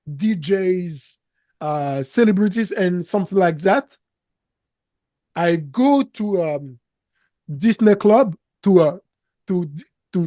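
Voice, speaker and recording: A French business coach in his thirties, speaking English with a French accent, is an interview guest seated in an armchair on a studio set. His high-pitched, dark-toned voice comes slowly and haltingly, repeating words as he hunts for phrasing. The sound is dry and close, with no echo.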